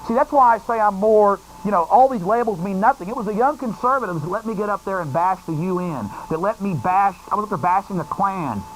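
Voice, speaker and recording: A man's voice: high-pitched, animated, a little fast, hardly any pauses, slight background noise, low-quality recording. A man hosting a heated talk show, interrupting and acting out what others said. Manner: heated, interrupting, acts out quotes. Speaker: host. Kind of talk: fiery talk show rant. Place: studio, public access show.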